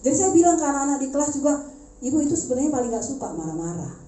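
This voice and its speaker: A woman's voice: sits high, very fast. Lady preaching in church, chatty, talks to the pews, big echoey room. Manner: conversational, animated storytelling with asides to the congregation. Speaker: preacher, schoolteacher. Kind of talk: sermon. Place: church service.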